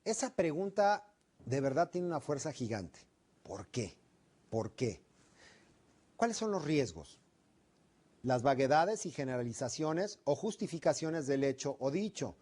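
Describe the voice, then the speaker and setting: A man's voice: fairly high pitch, very animated, normal speed, a little mellow. Man lecturing a class, questioning tone. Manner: questioning, acts out example phrases. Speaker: instructor.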